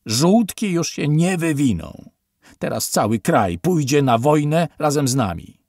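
A man voicing a foul-mouthed, bullying military intelligence officer who shouts threats in an irritating voice. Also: fairly low pitch, big pitch swings, brisk, vocal fry, slightly rough, no room sound, studio quality, heavily acted. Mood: furious shouting. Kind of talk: audiobook character voice.

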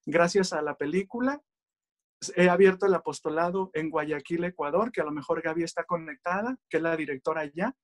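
A man's voice: fairly high pitch, fairly quick. A man giving an earnest religious testimony, calling his listeners brothers.

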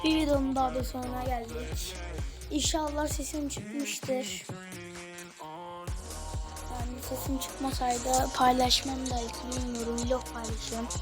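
A young woman casually commenting on her own football video game play, now and then shouting at the game as it happens. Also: on the high side. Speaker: gaming video host.

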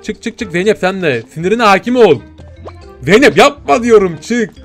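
Man, high voice, game parody host, in-character commander, bossy, excitable, slangy, faint background music. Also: moderate pace. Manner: bossy, barks orders as a commander. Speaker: gaming video host.

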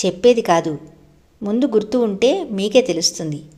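A woman narrator voicing a gentle, caring young girl who speaks in a soft, slow, consoling way within a storybook reading. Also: mid-range voice, animated, lightly acted.

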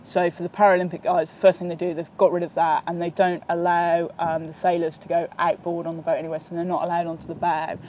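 A woman's voice: fairly low pitch, little pitch movement, fast, few pauses, darkish tone, slight background noise. A woman in her thirties, a sailing coach, answering interview questions outdoors in a sunny park, talking steadily with many fillers and restarts. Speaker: sailing coach and training partner.

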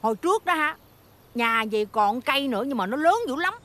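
An actress with a Southern Vietnamese accent playing a kindly, chatty middle-aged village aunt who tells stories animatedly. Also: female voice, high-pitched, expressive, a little fast, fairly bright tone. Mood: chatty warm.

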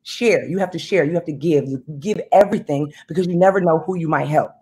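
A woman in her thirties on a video call from home, talking in an animated, emphatic way about money and business. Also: sits low, fast talker, slightly rough. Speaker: guest, business owner. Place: home room indoors. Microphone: video call webcam.

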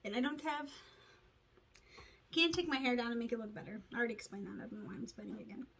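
A beauty vlogger chats casually through a makeup tutorial, rambling, talking to herself and poking fun at herself. Her fairly high voice races along, a bit bright and slightly rough.

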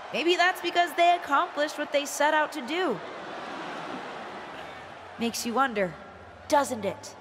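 Very high, bright young woman cutting wrestling promo. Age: young adult. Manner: mocking, pointed, deliberate. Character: defiant young wrestler, sarcastic betrayed niece. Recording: reverberant arena PA with ambient noise.

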